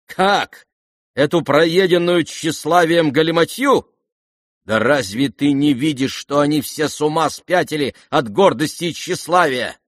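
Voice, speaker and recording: A man voicing an irascible aristocratic older woman who scolds and shouts imperiously in an audiobook. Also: fairly high pitch, animated, a little slow, no echo, studio quality, voice pushed up. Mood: scornful. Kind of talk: audiobook character voice.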